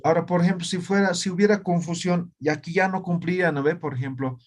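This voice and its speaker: A man's voice: high-pitched, fairly even intonation, fast talker. A man teaching an online Aymara writing class, explaining step by step and checking in with students by asking "right?". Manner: patient, explains step by step with frequent tag questions.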